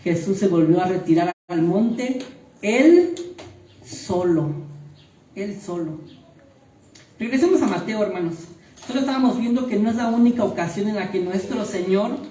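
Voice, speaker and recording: A pastor delivering a sermon, building to loud emphatic peaks and pressing the congregation with repeated rhetorical questions. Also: medium pitch, normal speed, pauses often. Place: church hall. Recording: echoey hall, voice from far off.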